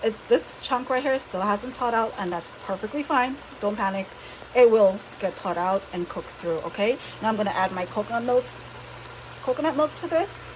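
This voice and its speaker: A woman's voice: on the high side, expressive, moderate pace, a little hiss or hum. A woman hosting her own cooking channel, talking viewers through a home cooking demonstration in her kitchen in a chatty, reassuring way, often checking in with them. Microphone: camera she set up herself.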